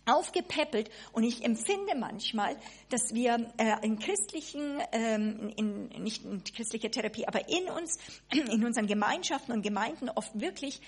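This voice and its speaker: A woman delivering a sermon, with a voice pitched a bit high and a husky edge. She talks in a lively, spontaneous way, often restarting her sentences. She acts out small asides as she goes. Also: moderate pace. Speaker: preacher.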